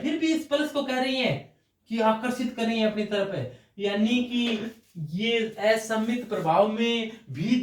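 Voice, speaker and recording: A man's voice: high voice, recorded from a distance. A man teaching a chemistry class, explaining step by step and answering his own questions. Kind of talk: classroom lecture. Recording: roomy echo, voice from off mic.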